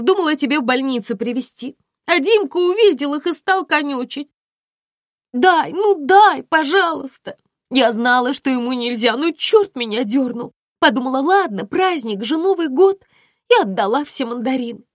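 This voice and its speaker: Woman voicing a shrill, gushing young girlfriend in an audiobook, high-pitched and rushed, dry close sound. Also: lively intonation, no echo. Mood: tearful. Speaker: audiobook reader.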